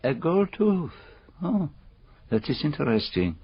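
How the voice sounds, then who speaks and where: Hercule Poirot, unhurried, courteous detective. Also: male voice, on the high side, very animated, slightly rough, no echo, heavily acted. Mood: probing. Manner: formal, measured, deliberate phrasing. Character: courteous, shrewd foreign male detective, middle-aged, quietly amused. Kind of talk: radio drama acting. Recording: slightly dull, lo-fi radio recording.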